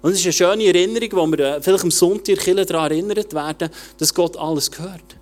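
A man preaching a casual, colloquial sermon, talking straight to the listener and swinging between loud urging and quiet intensity. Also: high voice, fast, soft background music.

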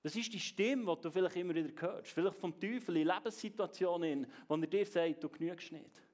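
A man's voice: sits high, fairly quick. A man, preaching a sermon and speaking straight to the congregation in an earnest way. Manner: earnest, addresses the congregation directly, varies loudness.

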